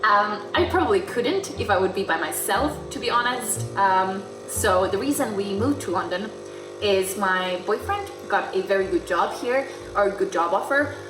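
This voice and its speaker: At a moderate pace, this woman speaks in a mid-range voice with lively intonation. A Finnish Instagram vlogger whose first language is Swedish, she films a relaxed Q&A in her apartment, chatting with frequent fillers and soft restarts. Her distant mic picks up a roomy echo and music in the background.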